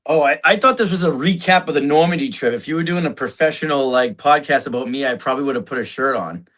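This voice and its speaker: A man being interviewed as a podcast guest, relaxed and halting, with many restarts and fillers. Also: fairly high pitch. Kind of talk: casual interview chat.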